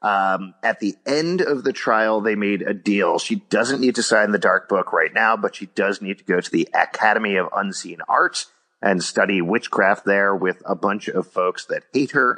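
A man's voice: lowish voice, normal speed, bright, forceful tone. A man co-hosting a podcast in casual, joking chat, laughing often as he recaps an episode at length. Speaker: podcast co-host.

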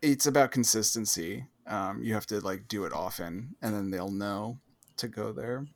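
A man's voice: lowish voice, normal speed. Easygoing rambling man. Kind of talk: casual group chat.

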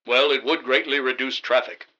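An actor playing an earnest, bumbling, wisecracking hero in a comic radio drama, melodramatic and mock-heroic. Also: male voice, mid-range voice, fairly even intonation, normal speed, bright, forceful tone, highs cut off, natural voice. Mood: defiant, cocky. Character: earnest, bumbling, wisecracking male masked crime-fighting hero.

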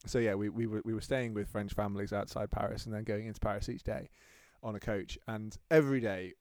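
In a lowish, slightly mellow voice with fairly even intonation, this man talks briskly. He's in his thirties, from England, and co-hosts a podcast where he tells stories in a relaxed, chatty manner and laughs often, captured in clean studio sound with no room echo.

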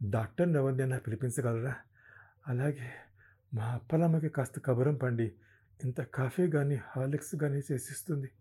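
A man's voice: medium pitch, mellow, breathy edge, lightly acted. A man doing a feverish, weak husband. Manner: faint, mumbling.

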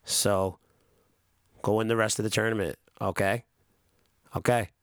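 Here a podcast co-host speaks casually in a fairly low, level, unhurried male voice. His talk wanders and includes cursing, lots of fillers and restarts. Clean studio sound, with no room sound present.

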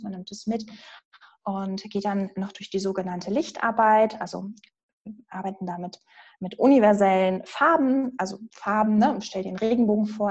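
A woman coach talking through her method in a soft, soothing manner. Her voice sits at a middle pitch. The audio is a little muffled. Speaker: inner-child coach. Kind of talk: podcast interview answers.

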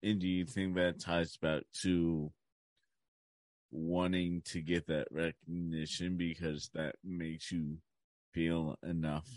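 Deep, slow-speaking male podcast host. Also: level tone, a little mellow, dry recording. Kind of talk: casual conversational interview.

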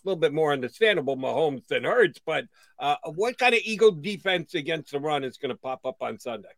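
A man talking football on a sports show, animated and firing off rhetorical questions. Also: on the high side, a little fast, dry recording. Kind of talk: casual sports talk.

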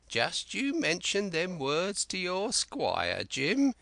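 Voiced by a male narrator, an exaggerated wild old castaway rambles eagerly in rustic dialect, slow and bright, his gravelly voice leaping high with huge pitch swings. The sound is close, dry and without echo, and he comes across as confiding.

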